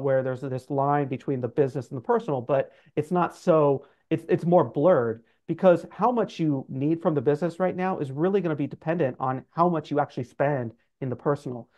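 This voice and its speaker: Speaking from an office over a video call, this middle-aged man is a financial adviser guesting on an interview. He explains conversationally, sprinkling in loose qualifiers like "sort of" and "like," in a fairly high, slightly mellow voice through dull call audio.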